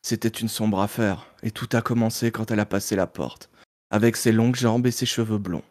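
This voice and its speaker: Guy doing a deep noir detective voice, slow and brooding, tough private eye vibe. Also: fairly even intonation, darkish tone, natural voice. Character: brooding hard-boiled male noir detective, whisky-drinking.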